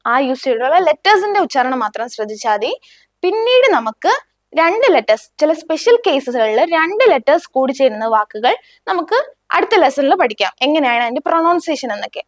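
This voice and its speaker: A woman's voice: high-pitched, sing-song, a little fast, no echo, studio quality. A woman with a Malayali accent teaching a beginner German lesson, patiently saying each word twice and asking learners to repeat after her. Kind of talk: slow beginner language lesson with repetition drills.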